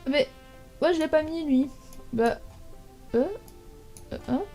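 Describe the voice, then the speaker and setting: A chatty young woman with a fairly high but mellow voice, thinking aloud as she sorts titles into a tier list. She fills her speech with hesitations and little asides, and faint music plays behind her. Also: slow. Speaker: YouTuber ranking manga. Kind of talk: casual tier list commentary.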